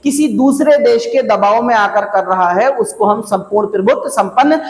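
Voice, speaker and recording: A man teaching an exam prep lecture, slowly repeating key phrases to drill his students. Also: high-pitched. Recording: echoey classroom, long reverb.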